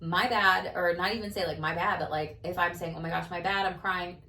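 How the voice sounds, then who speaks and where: Chatty low-voiced woman in roomy sound. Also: fast talker. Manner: animated, chatty, many fillers. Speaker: host and coach. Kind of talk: casual conversation. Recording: roomy, distant mic, faint noise.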